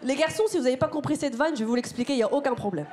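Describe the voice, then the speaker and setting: High-voiced woman doing stand-up. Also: very fast. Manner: animated, slangy, addresses the crowd directly. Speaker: stand-up comedian. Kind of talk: stand-up comedy set. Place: large theater stage. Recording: live theater with loud crowd noise. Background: audience laughter.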